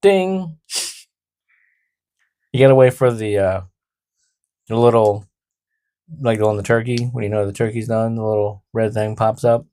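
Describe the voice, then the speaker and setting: A man's voice: lowish voice, little pitch movement, normal speed, pauses often, dark tone. A man co-hosting a casual podcast, explaining the topic with laughs and playful jokes. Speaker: podcast co-host.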